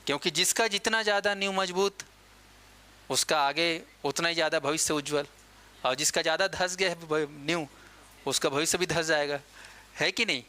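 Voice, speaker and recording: A man teaching a coaching-class lecture in a casual, chatty way, quizzing students and answering himself, slowing down to dictate key terms. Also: fairly high pitch, pushed and bright.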